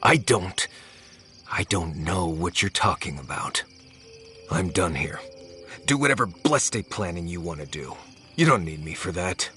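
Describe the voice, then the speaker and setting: An actor playing a bitter, sarcastic adventurer companion in a fantasy video game, lashing out in scornful tirades. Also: male voice, sits low, sing-song, unhurried, long pauses, sharp tone, faint music behind, heavily acted. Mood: angry. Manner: scornful, heated outbursts.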